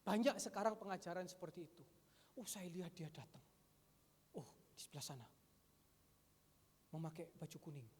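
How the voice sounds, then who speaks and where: A male pastor preaching a sermon, lively, switching between loud emphatic calls and quiet asides. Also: on the high side, normal speed, pauses often, husky. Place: large church hall. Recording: long church hall reverb.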